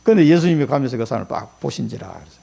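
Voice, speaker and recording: A man's voice: medium pitch, lively intonation, very fast, vocal fry, mellow. A middle-aged male pastor preaching a sermon in a colloquial storytelling way, acting out quotes as he goes.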